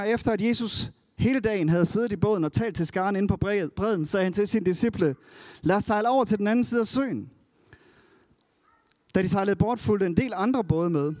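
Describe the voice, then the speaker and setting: A man preaching a sermon in a conversational way, retelling a Bible story with lively storytelling. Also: high-pitched, no room sound.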